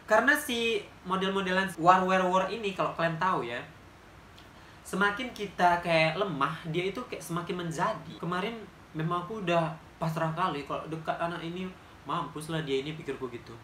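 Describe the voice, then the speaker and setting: A man with a Medan Indonesian accent telling a personal story in a blunt, animated vlog style. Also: high voice, reverberant, slight background noise. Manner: animated, blunt, fast-talking, acts out quotes. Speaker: vlogger.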